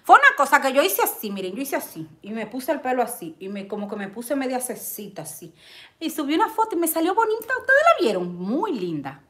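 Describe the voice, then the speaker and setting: A middle-aged woman chatting on a live stream, reading viewer comments with lots of excited exclamations and loud laughter. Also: sits high, a little fast. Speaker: vlogger hosting a live stream.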